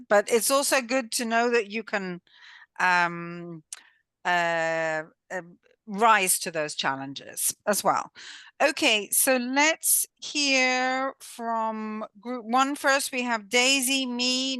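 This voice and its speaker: A woman's voice: on the high side, slow, pushed and bright, clean tone, dry recording. A woman teaching a class over a video call, encouraging and hesitant, with many fillers as she thinks aloud. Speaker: course teacher. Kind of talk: online class instruction.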